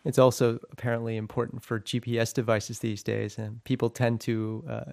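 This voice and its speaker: A man interviewing a guest, asking measured questions with fillers and pauses. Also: mid-range voice, little pitch movement, creaky, a little mellow.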